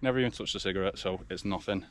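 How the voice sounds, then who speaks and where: A young man with an English accent chats informally to his camera in the open air. His voice sits a little low, and faint ambient noise runs behind it. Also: racing. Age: 20s. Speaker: fitness vlogger. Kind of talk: casual vlog chat. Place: outdoors in a forest. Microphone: action camera. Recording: faint outdoor background noise.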